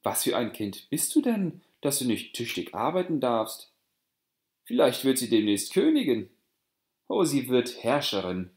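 A man's voice: medium pitch, very animated, normal speed, pitched above the performer's own voice, lightly acted. A man doing sneering envious aunts. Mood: mocking. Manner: scornful, taunting. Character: group of mocking, envious women. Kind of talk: audiobook fairy tale reading. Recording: roomy echo.

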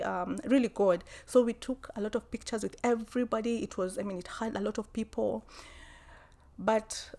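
A woman telling a personal story, halting, with many restarts and fillers, and at times dropping to a soft whisper. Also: medium pitch. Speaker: vlogger.

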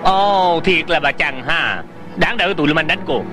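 A man's voice: on the high side, moderate pace, close to an everyday voice. A voice actor dubbing a teasing but caring young man who banters with and coaxes a friend, over a music score. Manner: bantering and coaxing. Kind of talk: Vietnamese dub of a Hong Kong TV drama.

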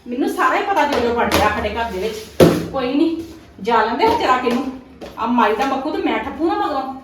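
Woman acting high-pitched scolding Punjabi aunty, echoey. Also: big pitch swings, a little fast, heavy background noise. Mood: indignant, aggrieved. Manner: Punjabi aunty scolding and lamenting, dramatic complaining. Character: scheming, aggrieved Punjabi mother and daughter-in-law, aunty type. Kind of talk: amateur family skit acting. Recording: very echoey room, distant microphone.

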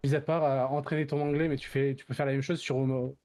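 A man's voice: mid-range voice, level tone, fast talker, darkish tone. A man chatting as a guest co-player on a live stream, teasing and laughing easily. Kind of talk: casual live-stream chat.

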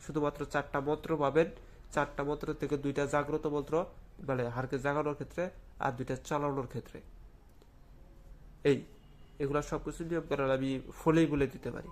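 A man, a folk healer with a cold, explaining rules and then slowly chanting mantra verses. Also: on the high side, flat delivery. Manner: slow deliberate chanting of verses. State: feverish with a head cold. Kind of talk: spoken instruction with chanted recitation.

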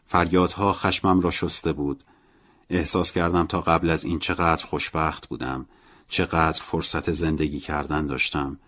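Male audiobook narrator with a very low voice, calm and measured first-person delivery.

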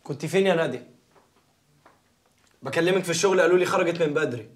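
A man's voice: a little high, quick pace, lightly acted. An actor with an Egyptian accent playing a harsh older brother who threatens his sister in a TV drama. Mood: angry. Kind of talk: TV drama dialogue.

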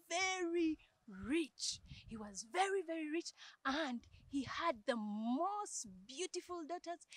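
A young woman teaching a children's Bible lesson outdoors, telling the story lively and expressively. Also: sits high, dry recording. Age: young adult. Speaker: Sunday school teacher. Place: outdoors in a garden.

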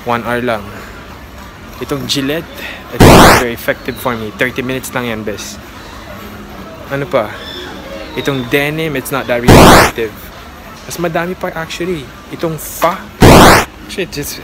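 A man's voice: medium pitch, very noisy. A man with a Filipino accent, chatting casually while he walks through a supermarket and films on a handheld phone. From Philippines. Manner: chatty, mixes Tagalog and English. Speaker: vlogger. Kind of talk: casual shopping vlog. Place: supermarket aisle.

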